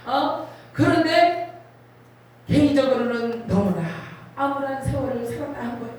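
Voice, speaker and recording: A woman's voice: sits high, normal speed, a little mellow. A middle-aged woman preaching a personal testimony at a revival, telling her story with emotional, dramatic swells. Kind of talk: sermon testimony. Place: large prayer retreat hall. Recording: very echoey hall, voice from far off.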